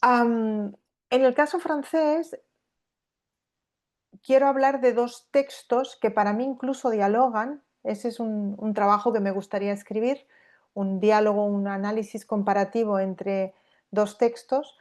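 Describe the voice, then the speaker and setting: A Spanish woman who studies literature delivers an academic lecture, her voice slightly high, steady, a bit slow and a little mellow. She thinks out loud, full of fillers and restarts, and keeps checking in with her audience by asking "¿no?".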